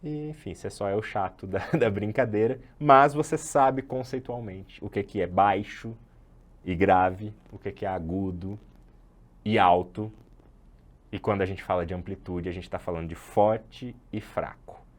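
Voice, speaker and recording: Brazilian male instructor, lowish voice, chatty online lecture, loose explanations with self-corrections. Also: a little slow. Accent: Brazilian Portuguese. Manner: chatty and explanatory, corrects himself mid-sentence. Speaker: sound design instructor.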